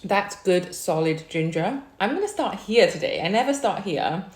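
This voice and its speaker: A young Welsh woman whose first language is Chinese hosts a casual eating vlog, chatting about herself and humming softly as she tastes her food between remarks. Her lowish voice has lively intonation at a normal speed, and the sound is reverberant.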